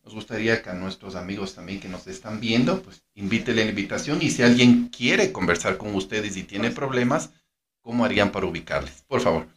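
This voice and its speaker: A man hosting a radio interview, asking questions in a relaxed, friendly way. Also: fairly low pitch, brisk, slight background noise. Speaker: radio host. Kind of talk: interview conversation.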